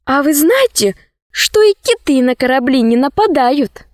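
A woman's voice: high-pitched, very animated, a little slow, no room sound, studio quality. A woman voicing a curious, sensible young girl asking questions in a lightly raised voice.

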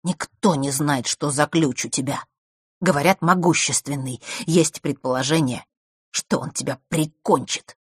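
A woman's voice: low-pitched, measured pace, slightly rough, dry recording, studio quality. A woman reading a storybook and voicing a hostile, contemptuous teenage boy who speaks curtly and grudgingly. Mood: cold. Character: hostile scornful teenage boy, the girl's brother.

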